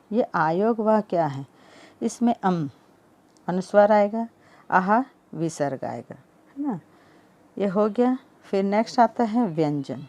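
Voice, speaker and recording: A woman gives an exam-prep grammar lesson at an unhurried pace. Her voice is mellow and a little low. She keeps asking questions and answering them herself. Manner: slow, repeats key answers as questions. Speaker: Hindi grammar teacher.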